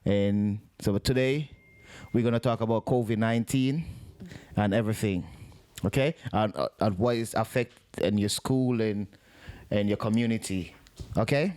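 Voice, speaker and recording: Joking, halting middle-aged male host. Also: lowish voice, no room sound. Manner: warm, joking, repetitive, halting. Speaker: podcast host. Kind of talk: casual interview.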